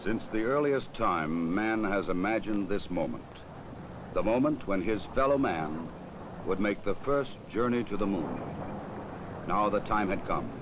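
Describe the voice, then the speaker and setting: A man's voice: fairly low pitch, expressive, a little slow, background noise. A man reading solemn, scripted documentary narration. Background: loud music.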